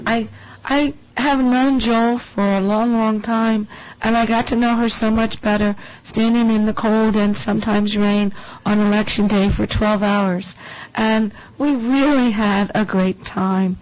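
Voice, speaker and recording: A woman on a town board, hoarse with her voice almost gone, giving teasing, good-humored remarks about colleagues at a meeting. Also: on the high side, steady tone, unhurried, a little mellow, lo-fi sound.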